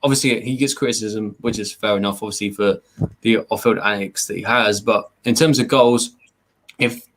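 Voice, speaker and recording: A man's voice: fairly low pitch, fairly bright tone. An English man co-hosting a fan podcast, talking earnestly at length with lots of fillers. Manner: earnest, rambling with many fillers. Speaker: podcast co-host. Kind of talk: casual fan podcast chat.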